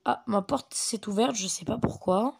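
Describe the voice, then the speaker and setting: A woman's voice: mid-range voice, creaky, slight background noise. A woman giving rambling, chatty commentary on a mobile game from her bedroom at home. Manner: chatty, rambling, quick to get excited. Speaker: gameplay commentator. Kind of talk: casual gaming commentary.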